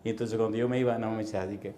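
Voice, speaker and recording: A middle-aged man preaching a sermon in a church, telling comic stories with sudden loud bursts and sound effects and putting questions straight to the congregation. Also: lowish voice, steady tone, rapid-fire, slight background noise. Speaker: pastor. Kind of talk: sermon with comic personal anecdotes.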